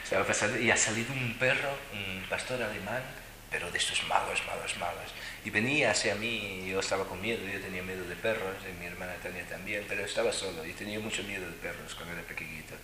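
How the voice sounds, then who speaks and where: A man telling personal stories to an audience in an animated, emphatic way, often repeating words for stress. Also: sits low, fast talker, reverberant, background noise.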